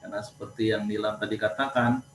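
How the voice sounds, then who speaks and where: A man leading a devotional, responding calmly and encouragingly after a testimony. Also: lowish voice, fast, faint music behind. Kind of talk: short sermon response. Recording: roomy, distant, noisy audio.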